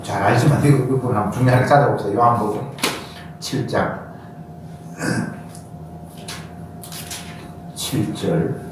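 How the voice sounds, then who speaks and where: A man preaching a sermon as pastor, animated and acting out quoted voices with sudden high bursts. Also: takes it slowly, pauses often. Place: church sanctuary. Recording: echoey church hall from far off, faint noise.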